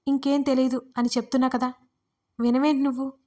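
A woman voicing a tormented young man who lashes out in sharp, raised outbursts. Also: sits high, little pitch movement, a little fast, lightly acted. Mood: angry.

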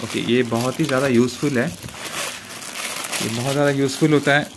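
This is a young man, filmed on a phone over a table indoors, chatting hesitantly through an unboxing. He pauses often and restarts his lines. A steady hiss of noise sits under his mid-pitched voice. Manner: hesitant, many fillers and restarts. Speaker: vlogger unboxing camping gear. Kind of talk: casual unboxing talk. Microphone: handheld phone camera pointed at the table. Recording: noisy phone recording with room hiss.

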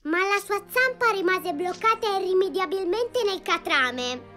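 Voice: extremely high pitch, expressive, a little slow, bright, forceful tone, full character voice. A voice actor playing a playful little girl who tells a fairy tale in a chatty cartoon storybook style, asking the listener questions along the way. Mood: lively.

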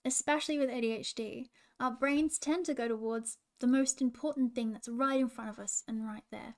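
A woman in a princess role, gently coaching children and asking them questions. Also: fairly high pitch, fairly even intonation, moderate pace.

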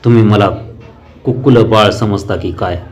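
A man's voice: fairly low pitch, fairly even intonation, normal speed, natural voice. A man reading aloud and voicing a defiant, fearless young village woman who answers back sharply. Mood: indignant. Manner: sharp, cutting, indignant.

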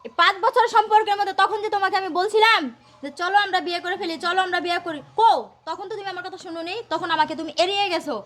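A woman's voice: very high voice, steady tone, racing, a bit bright. A woman playing a cold, dismissive young bride.

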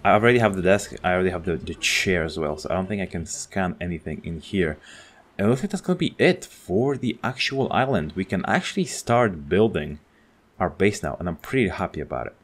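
A gaming channel host with a strikingly deep, husky voice narrates a video game let's-play at a brisk clip. He's excitable and talkative, musing aloud as he explores.

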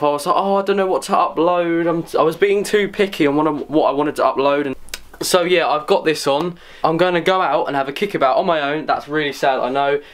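A man's voice: a little high, a bit bright. A young man, chatting casually to camera in a sweary, rambling, self-mocking way, at times out of breath. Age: young adult. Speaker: vlogger. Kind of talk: casual vlog chat.

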